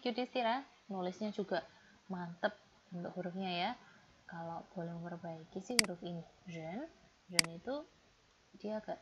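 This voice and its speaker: A woman, teaching grammar as she patiently corrects student homework and reads example sentences slowly. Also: medium pitch. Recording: dull lo-fi audio with loud background noise.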